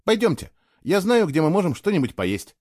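A man's voice: high voice, big pitch swings, moderate pace, darkish tone, no echo, studio quality, voice pushed up. A man voicing an awkward, polite young man in a storybook reading.

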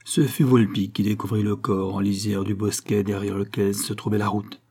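A man narrates a crime story as an audiobook, steady and measured. His voice is dark and mellow with a husky grain. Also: on the low side.

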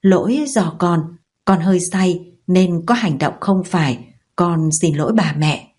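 A man's voice: high-pitched, unhurried, a little mellow, husky. A woman voicing an articulate, educated older brother who speaks in a mocking way. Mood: apologetic. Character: educated older brother, contemptuous, later contrite.

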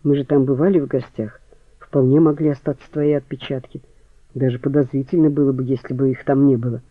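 A man voicing a calm married woman who speaks quietly and soothingly in an audiobook. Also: medium pitch, fairly quick, dry recording, natural voice. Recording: phone-like, dry.

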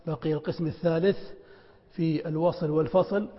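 A man's voice: on the high side, steady tone, a little fast. A middle-aged man teaching a classroom lesson on spelling, asking students questions and then answering them himself. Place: lecture hall with students. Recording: dull lo-fi recording with long hall reverb.

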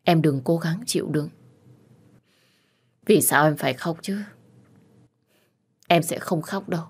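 A woman narrating a first-person audio story in a soft, measured way, voicing every character herself. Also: sits low, husky. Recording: soft music underneath.

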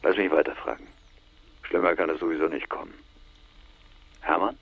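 In a naturalistic radio drama, an actor plays a blunt, shaken middle-aged man questioning an old friend. His voice is gravelly, husky and rumbling low, delivered at normal speed with heavy, expressive acting.

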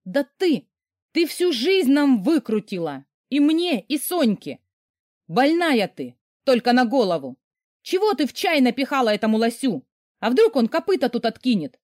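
A woman reading an audiobook, voicing the narrator's hysterical young sister with a shrill, yelling delivery. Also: very animated, moderate pace, dry recording, clean studio sound.

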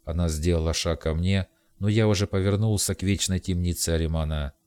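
A man narrating an audiobook in the first person with steady storytelling. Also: low voice, brisk, clean tone.

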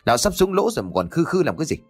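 A man's voice: on the high side, big pitch swings, racing, slightly rough, faint music behind, pitched above the performer's own voice, heavily acted. A man voicing a vicious daughter-in-law who shrieks and hurls abuse. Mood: shrieking fury. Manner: shrieking, abusive.

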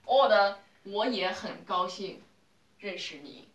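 A woman teaching a language class, who repeats each phrase patiently and explains it slowly. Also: medium pitch, reverberant.

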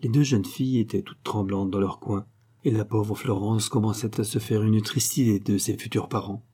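Male audiobook narrator, mellow husky tone, steady classic-novel reading. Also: fairly low pitch, moderate pace.

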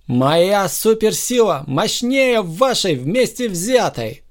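Indignant common-man hero, emphatic, raised pitch, played by a man. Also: sing-song, slow, exaggerated voice. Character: proud humble man turned superhero, indignant.

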